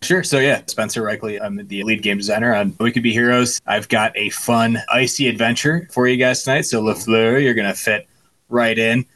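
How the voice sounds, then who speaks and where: A man running a tabletop role-playing game as game master, explaining the setting and reading a mission brief in a relaxed way. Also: medium pitch, normal speed.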